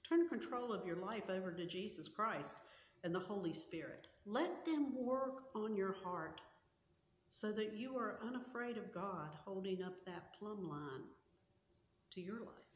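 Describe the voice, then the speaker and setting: Slow, earnest woman pastor in an echoey church. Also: mid-range voice, expressive. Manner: slow, earnest and measured, with gestures. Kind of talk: sermon and prayer. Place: small church sanctuary with a cross on the wall. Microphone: camera in front at chest height. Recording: echoey church hall with long reverb.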